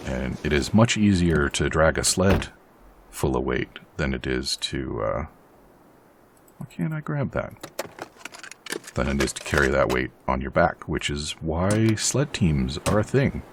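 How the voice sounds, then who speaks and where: Very deep gravelly male game commentator. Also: lively intonation, measured pace, background noise. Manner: chatty, rambling, self-deprecating. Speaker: let's play host.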